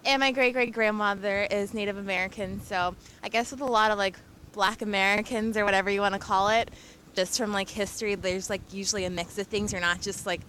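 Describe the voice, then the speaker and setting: A woman's voice: medium pitch, steady tone, a little fast, a bit bright, a little hiss or hum. A young woman answering in an interview in a casual way, with many "like" fillers.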